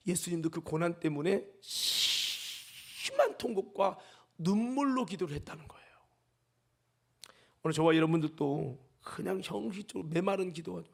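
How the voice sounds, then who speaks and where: A man preaching a Sunday afternoon sermon as senior pastor, swinging from hushed whispers to shouted peaks and joking with his congregation. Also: on the high side, vocal fry. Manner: jokes with and calls on congregation members; leads the congregation in crying out.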